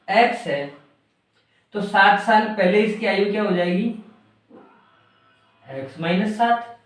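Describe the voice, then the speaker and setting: A man teaching a maths lesson, who keeps asking his class questions and answers them himself. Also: sits high. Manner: asks and answers his own questions, repeats key words. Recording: very echoey room, voice far from mic.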